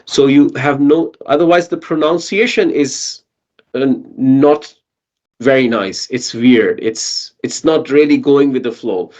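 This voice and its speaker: A man's voice: mid-range voice, a little slow, darkish tone, highs cut off. A man teaching a Quranic Arabic grammar lesson online, patiently asking his students questions and checking in with them.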